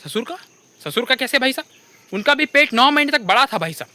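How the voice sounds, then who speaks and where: Bright-voiced young Indian man ranting. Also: very high-pitched, fairly quick. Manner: animated, keeps repeating "bhai sahab". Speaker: comedy creator. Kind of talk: comic rant.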